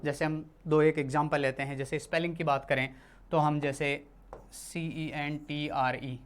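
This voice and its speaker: Teacher from India, mid-pitched, talks through a lesson patiently, restating and correcting as they go. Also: little pitch movement, fairly quick, slight background noise. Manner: explains patiently, repeats and corrects itself often. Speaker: English teacher. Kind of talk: classroom lesson explained in Hindi.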